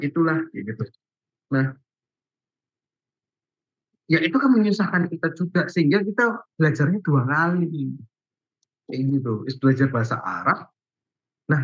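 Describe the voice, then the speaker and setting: A man's voice: fairly high pitch, fairly bright tone, husky. A young man giving a casual online Bible lesson, chatty and informal, peppering his talk with fillers and laughing easily. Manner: chatty and informal, many fillers like "gitu" and "guys", laughs often. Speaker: Bible class teacher. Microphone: video call. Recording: muffled video call audio.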